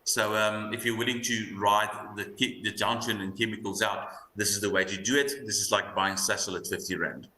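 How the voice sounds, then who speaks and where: Deep-voiced man with broad Afrikaans South African accent. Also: steady tone, pushed and bright. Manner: halting, repeats words as he thinks. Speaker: investment analyst guest. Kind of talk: unscripted market commentary. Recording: roomy echo, light background noise.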